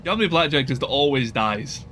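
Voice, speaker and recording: A man's voice: medium pitch, lively intonation, normal speed, bright, forceful tone, slight background noise. A man casually commenting while playing a strategy game, thinking aloud and swearing now and then.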